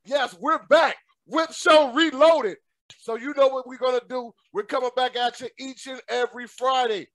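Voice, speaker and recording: High-voiced hyped-up podcast host man. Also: fairly even intonation, normal speed, fairly bright tone, no echo. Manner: hyped, upbeat, slangy, laughs often. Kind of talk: casual interview chat.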